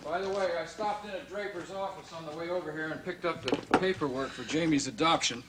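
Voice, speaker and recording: An actor playing a wry, fussing husband and political candidate in a television soap opera. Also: male voice, a little high, brisk, close to an everyday voice. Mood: brisk, wry. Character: solicitous husband and political candidate, wryly joking. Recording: noisy 1970s television soundtrack.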